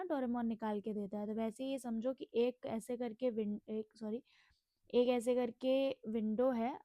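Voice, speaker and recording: A young woman from India gives a casual language lesson in a fairly high, mellow voice, with no echo. She repeats each word slowly and poses questions she then answers herself.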